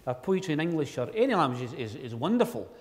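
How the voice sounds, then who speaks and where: A man's voice: fairly high pitch, sing-song, fast talker. A middle-aged man from Ayrshire with a broad Scottish accent, speaking in Scots to a room from a lectern microphone as a poet. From Ayrshire, Scotland. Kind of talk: public talk in Scots on poetry, with recitation. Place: large wood-panelled hall, indoors. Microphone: handheld-type microphone on a stand at lectern. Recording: echoey hall, long reverb.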